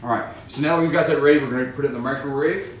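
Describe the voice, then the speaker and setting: Talking very fast in a medium-pitched voice, a middle-aged fire safety educator walks kids and parents through a folksy cooking demo with safety advice in a home kitchen. The camera mic sits across the room, so the audio is distant, echoey, and carries noticeable noise.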